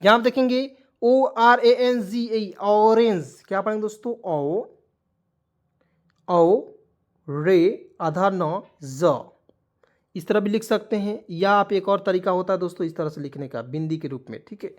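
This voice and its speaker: A man's voice: high-pitched, brisk. Male teacher, patient and repetitive, quizzing viewers word by word, with motivational asides. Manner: repetitive, coaxing, keeps asking what it reads as. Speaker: English teacher. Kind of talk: blackboard lesson explaining spelling and pronunciation.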